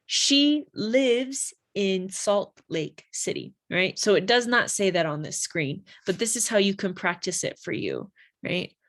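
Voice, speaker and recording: Woman, English teacher, very slow and deliberate delivery, models phrases for learners. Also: medium pitch, big pitch swings, a bit bright. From United States. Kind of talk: slow classroom explanation.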